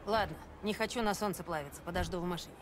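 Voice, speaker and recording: A woman's voice: on the low side, very fast, natural voice. An actress playing a tough, dry-humoured female desert race driver in a video game, talking in a clipped, matter-of-fact way. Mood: dry, confident. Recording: clear outdoor and engine noise.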